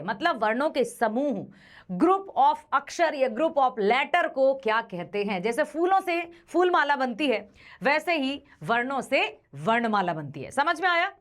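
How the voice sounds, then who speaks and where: A woman teacher giving an exam-prep grammar lesson, quizzing students and slowly repeating sounds to demonstrate them. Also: high-pitched, fairly bright tone.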